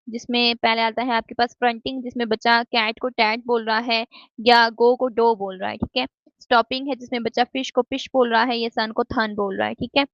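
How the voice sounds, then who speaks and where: A woman's voice: a little high, fairly bright tone, no room sound. A woman giving a recorded lecture. She explains step by step, mixes in English terms and keeps checking with "theek hai?". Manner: mixes English terms into Hindi-Urdu speech. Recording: dull, dry lo-fi recording.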